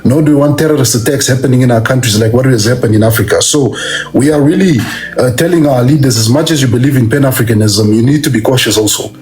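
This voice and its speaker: A man's voice: medium pitch, quick pace, darkish tone. Earnest man speaking as a guest. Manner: earnest, addresses host politely as sir. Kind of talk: earnest opinion on a call-in.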